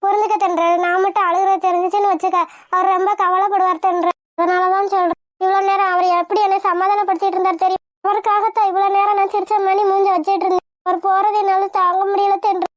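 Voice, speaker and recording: A woman's voice: extremely high pitch, flat delivery, fast talker, no room sound, muffled recording. A woman voicing a tearful young wife in a cartoon, weepy and pleading. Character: tearful young woman pining for her husband.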